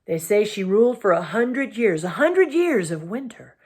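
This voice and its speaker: A woman's voice: mid-range voice, lively intonation, moderate pace, darkish tone, breathy edge, voice pushed up. A defiant male dwarf rebel from a fantasy storybook, acted out by a woman. He argues bitterly in a lifted, emphatic voice, cold and full of scorn. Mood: scornful. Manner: sneering, argumentative, emphatic.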